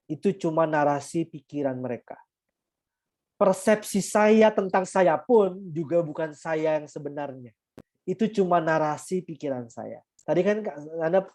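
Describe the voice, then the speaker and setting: Mellow-voiced man teaching meditation. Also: a little high. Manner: calm, explanatory, frequent tag questions, mixes in English terms. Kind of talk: guiding an online meditation talk.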